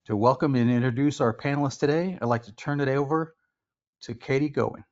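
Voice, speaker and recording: A man's voice: medium pitch, fairly quick. A man hosting a webinar series, reading a formal introduction. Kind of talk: scripted webinar opening. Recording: slightly dull audio.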